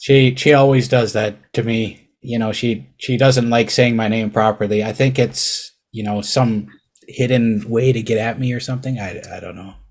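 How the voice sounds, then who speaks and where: A man's voice: medium pitch, steady tone, normal speed, a little mellow. A man hosting a podcast in casual chat, joking and laughing easily. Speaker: podcast host.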